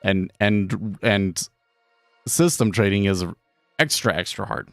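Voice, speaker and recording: A man hosting a live day trading stream from his home office, talking casually and haltingly, often repeating words. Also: fairly low pitch, no echo. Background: faint background music.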